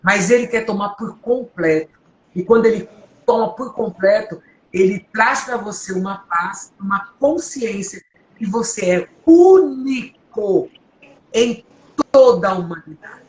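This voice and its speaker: Her voice is deep, strong and powerful with a darkish tone, animated yet unhurried. A Brazilian woman preaches and gives testimony from home, earnestly and emotionally urging her listeners on, recorded in an echoey room with faint background hum.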